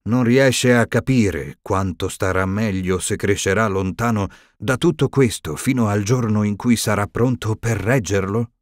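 Man reading as Dumbledore, a calm grave old wizard. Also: on the low side, no room sound, clean studio sound, close to an everyday voice. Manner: slow, grave and firm.

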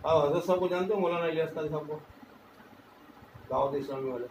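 A man acts as a spiritual healer in a ritual exorcism, issuing commanding orders that he repeats again and again. His voice sits a little high. The room is echoey, with a faint hum of background noise. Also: brisk, a little mellow. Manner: commanding, repetitive chanted orders.

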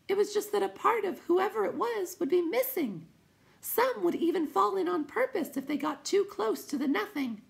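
Shrill, creaky little light spirit, frantic and swooping. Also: male voice, full character voice. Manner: high, rapid, excitable. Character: jittery will-o'-the-wisp, a tiny bouncing light spirit.

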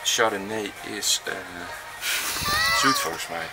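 A man's voice: fairly low pitch, wildly swooping pitch, slow. A young man in casual, joking chat with friends, picked up by a nearby handheld camera in a big store. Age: young adult. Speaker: vlogger's friend. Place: large wholesale supermarket, indoors. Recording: very noisy shop ambience.

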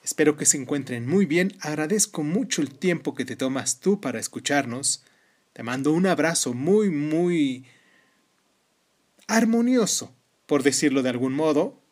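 A man hosting a podcast, reading scripted narration in a measured, formal way. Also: fairly high pitch, expressive. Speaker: podcast host.

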